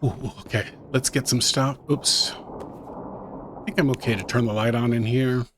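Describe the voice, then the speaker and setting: Unhurried and steady in tone, a mid-range male voice gives tense running commentary on a horror game. The gaming YouTuber talks under his breath to himself and the viewer as background noise plays.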